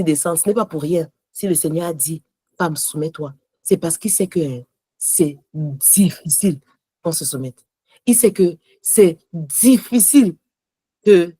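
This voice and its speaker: Passionate husky-voiced woman teaching. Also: fairly low pitch, mellow, dry recording. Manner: passionate, switches between French and English. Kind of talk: devotional teaching on marriage.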